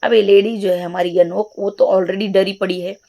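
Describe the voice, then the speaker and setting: Woman teacher with a cracked, gravelly voice. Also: medium pitch, little pitch movement. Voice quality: cracked, loud voice, habit of talking loudly. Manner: mixes Hindi and English, reads slowly, then explains playfully. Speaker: English teacher. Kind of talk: bilingual classroom lesson explaining a story.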